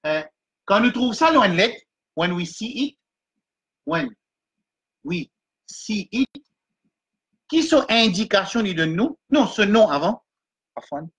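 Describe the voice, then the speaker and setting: A man teaching a Quran reading class, slowly sounding out Arabic letters and vowels one by one and mixing French with English and Arabic terms. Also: high voice, animated, fairly bright tone. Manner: slow and repetitive, sounding out syllables one by one.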